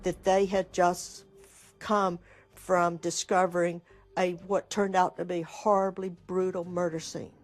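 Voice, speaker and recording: A woman speaks as a neighbor in an interview, deliberate and reflective. She talks slowly and evenly. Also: lowish voice, little pitch movement.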